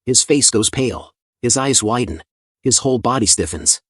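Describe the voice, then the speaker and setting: A man's voice: medium pitch, expressive, moderate pace, fairly bright tone, breathy edge, dry recording, clean studio sound. A man narrating a comic story recap in a casual, conversational scripted style with chatty asides.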